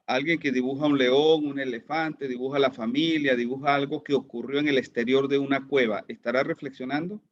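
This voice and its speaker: A man's voice: mid-range voice, steady tone, brisk, hardly any pauses, no room sound, muffled recording. A man teaching an online class, who keeps asking his students questions and repeats words as he goes. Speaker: lecturer.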